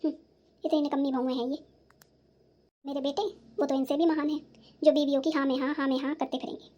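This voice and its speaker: A woman's voice: high voice, level tone, quick pace, warm tone, highs cut off, close to an everyday voice. A woman voicing a nagging, self-pitying old mother-in-law in a cartoon, scolding sarcastically. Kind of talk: cartoon voice acting.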